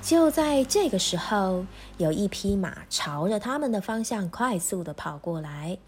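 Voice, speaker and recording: Lady teacher reading a kids' bedtime story, slow and gentle. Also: mid-range voice, very animated, slight background noise. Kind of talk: reading a children's story aloud.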